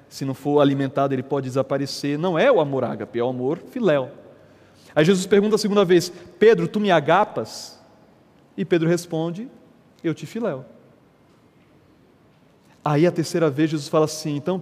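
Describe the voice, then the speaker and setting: A man preaching a sermon as a pastor, telling stories in a lively, conversational way. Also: fairly high pitch, in a large hall. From Brazil. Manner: animated, conversational preaching with storytelling.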